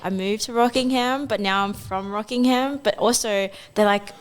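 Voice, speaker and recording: A woman's voice: on the high side, clean tone. Chatty young woman. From Sydney, Australia. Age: young adult. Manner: chatty, upbeat, quick to laugh. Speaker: guest, web developer. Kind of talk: casual radio chat. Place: radio studio.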